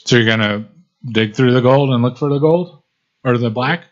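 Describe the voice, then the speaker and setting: A man narrating as game master in a relaxed, casual way, full of fillers. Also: mid-range voice, moderate pace. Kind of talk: narrating a tabletop game on a live stream. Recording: muffled lo-fi stream audio.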